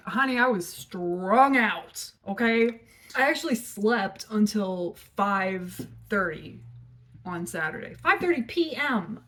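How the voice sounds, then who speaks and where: A woman vlogger telling a story in a casual, frank and profane way, rambling with lots of filler words. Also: medium pitch.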